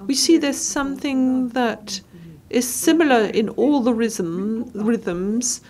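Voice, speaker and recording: A woman giving live interpretation of a lecture, speaking in short halting phrases and correcting herself as she goes. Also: a little high, darkish tone. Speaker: simultaneous interpreter.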